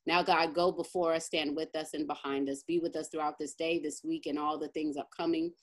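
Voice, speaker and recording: A woman's voice: low voice, level tone, a little fast. A woman pastor leading an online teaching and prayer, emphatic and fervent, often checking in with her listeners. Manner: emphatic, keeps asking "right?", fervent in prayer. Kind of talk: informal teaching then spoken prayer.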